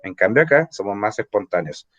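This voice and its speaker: A man's voice: on the low side, very animated, fairly quick, fairly bright tone, dull audio. Chilean man teaching a class. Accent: Chilean Spanish. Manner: explanatory, asks rhetorical questions, frequent "¿ah?" tags. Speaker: language teacher. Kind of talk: online evening class lecture. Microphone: computer or phone mic on a video call.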